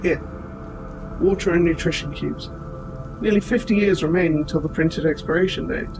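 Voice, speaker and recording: A man voicing an old military robot, formal, precise and gently protective, in a scripted audio roleplay addressed to the listener. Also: on the high side, natural voice, rough recording. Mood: calm, informative. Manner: formal, precise, measured phrasing. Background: music.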